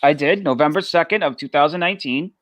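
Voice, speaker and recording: A man's voice: a little high, a bit bright, no room sound. A young man with a thick Boston accent, chatting casually as a guest on a video call with plenty of fillers. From Massachusetts, USA. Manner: easygoing, halting with fillers. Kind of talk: casual chat.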